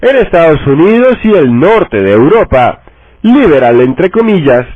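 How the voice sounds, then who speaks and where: A man reading a political text aloud, slowly and deliberately, saying every quotation mark out loud. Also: on the high side, sing-song, dry recording. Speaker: reader. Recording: dry tinny phone-like sound.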